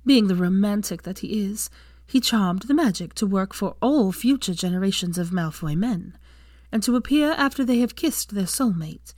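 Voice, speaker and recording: A woman voicing the kindly old noblewoman in an ancestral portrait, telling a story gently. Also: mid-range voice, expressive, normal speed, no room sound, clean studio sound, close to an everyday voice.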